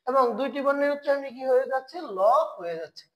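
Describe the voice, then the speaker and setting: Woman, language teacher, online lesson, high-pitched, asks and answers her own questions, repeats sounds slowly. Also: lively intonation, muffled recording.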